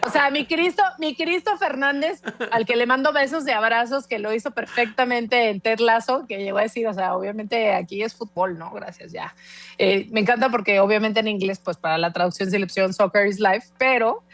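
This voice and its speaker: A woman in her forties with a Mexican accent, a guest speaking in an animated, emphatic way on a casual podcast. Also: fairly high pitch, fairly quick, no room sound. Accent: Mexican Spanish. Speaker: guest language expert.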